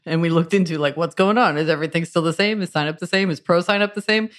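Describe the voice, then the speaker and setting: A woman's voice: on the low side, quick pace. Appreciative woman co-hosting a podcast. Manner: warm, appreciative, laughs lightly. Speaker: podcast co-host. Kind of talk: casual podcast chat.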